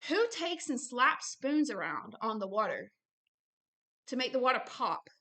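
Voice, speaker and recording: Fairly high-pitched and sharp in tone, a very animated woman speaks a little slowly as host and religious teacher of informal religious commentary. She reads aloud, adds personal asides, and often repeats phrases for emphasis in an earnest, insistent way.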